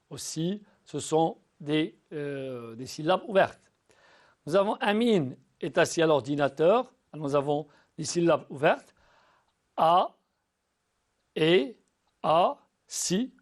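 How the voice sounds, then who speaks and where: A man whose voice sits on the high side teaches pupils in a recorded school lesson. He is patient, spells syllables out slowly, and keeps repeating and restarting words.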